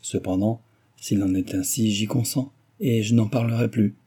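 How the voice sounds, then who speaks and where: A man's voice: fairly low pitch, moderate pace, mellow, breathy edge. A man voicing a garrulous, complaining middle-aged mother in a novel reading. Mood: peevish, rambling. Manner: rambling, complaining.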